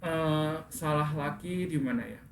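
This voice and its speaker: A man's voice: a little high, a little slow. Male teacher correcting pronunciation in an echoey classroom. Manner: corrects students' pronunciation and asks questions. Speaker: English teacher. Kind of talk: classroom instruction. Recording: echoey classroom with faint room noise.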